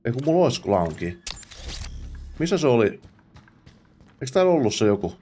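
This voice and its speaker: A man's voice: mid-range voice, big pitch swings, mellow. A man hosting a let's play, chatting to himself as he plays and dropping English exclamations and curses. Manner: chatty self-talk, mutters while playing. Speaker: gamer host.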